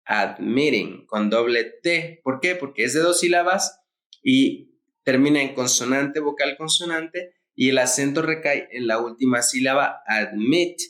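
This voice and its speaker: A man's voice: mid-range voice, measured pace, a bit bright. Man teaching grammar, spelling letters out. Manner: spells out letters, repeats key points. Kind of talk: explaining grammar rules.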